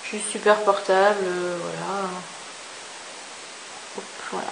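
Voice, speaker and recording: A woman's voice: mid-range voice, flat delivery, slow pace, gravelly. Chatty woman reviewing makeup. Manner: chatty, enthusiastic, many fillers. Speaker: beauty vlogger. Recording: echoey room with faint hiss.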